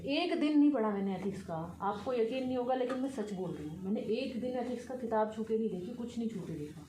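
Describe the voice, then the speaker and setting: An Indian woman in her thirties talks through exam advice in an earnest, emphatic, conversational way. Her voice sits a little high but sounds mellow and warm. The room has a clear echo, with faint ambient noise behind her. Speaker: civil servant giving exam advice. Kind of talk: casual advice talk.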